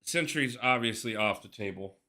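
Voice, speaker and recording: A man's voice: mid-range voice, animated, normal speed, sharp tone. A man live-streaming a mobile game, chatting casually, thinking aloud and greeting his viewers by name.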